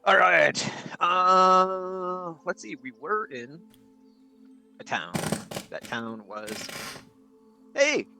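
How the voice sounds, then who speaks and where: A man's voice: sits high, extremely slow, vocal fry, bright, forceful tone, soft background music, poor audio. A man playing in a tabletop game, joking and playful with the group. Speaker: player. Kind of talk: casual tabletop game chat.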